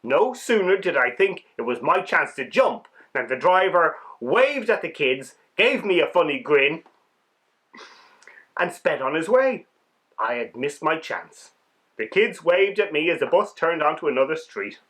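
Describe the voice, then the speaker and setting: A man voices a small, excitable winged insect in a children's storybook read-aloud, with a lively pitch and an unhurried pace. Sounding thrilled, he narrates the bug's adventure in the first person, wide-eyed, dramatic, and emphatic.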